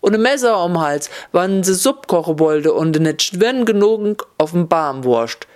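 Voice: mid-range voice, lively intonation, slow pace, darkish tone. Puffed-up old rooster, as a narrator does him. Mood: boastful. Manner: boastful, puffed up.

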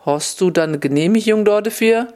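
A man's voice: sits high, fairly quick, a little mellow, pitched above the performer's own voice, lightly acted. A man playing a suspicious forester who questions and accuses, in a stern manner.

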